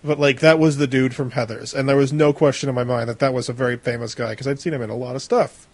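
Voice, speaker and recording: A man doing casual movie commentary with a group, emphatic and animated and quick to laugh. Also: mid-range voice, dry recording. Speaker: podcast commentator.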